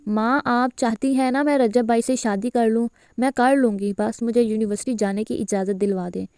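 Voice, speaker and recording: A woman's voice: fairly high pitch, fairly even intonation, darkish tone, clear, resonant tone, no echo, natural voice. A woman voicing a tearful, stubborn young girl. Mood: pleading. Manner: pleading, childlike weeping.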